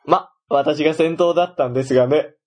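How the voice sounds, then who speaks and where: A man's voice: on the high side, brisk, a little mellow. A young man with a Kansai accent, co-hosting a casual chat and reading listener mail aloud with frequent laughter. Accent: Kansai Japanese. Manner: reads listener messages aloud, laughs often, teasing.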